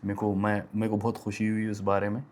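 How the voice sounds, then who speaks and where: A man's voice: on the low side, monotone, fast talker, darkish tone, a little hiss or hum. A young man from Hyderabad with a Hyderabadi accent, chatting casually in his vlog and switching freely between Hindi and English. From Hyderabad, India. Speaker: vlogger.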